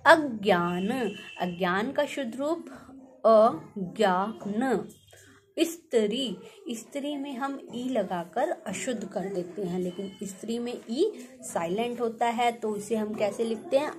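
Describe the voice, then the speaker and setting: Young woman teacher, unhurried and deliberate, spells words out letter by letter, quizzes the class. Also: medium pitch. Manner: slow, deliberate, sounding out letters one by one; asks the class questions.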